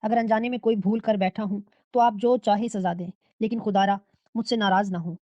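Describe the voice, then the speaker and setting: A woman reading the lines of a lonely, warm-hearted young male colleague who speaks in a friendly, earnest way. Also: medium pitch, steady tone, no echo, lightly acted. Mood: pleading. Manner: friendly, teasing, then tearful and pleading. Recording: dull, dry lo-fi recording.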